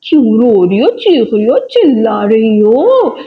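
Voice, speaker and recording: Woman playing an impatient husband for doll play: lowered, slow and grumbling, dull lo-fi recording. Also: big pitch swings.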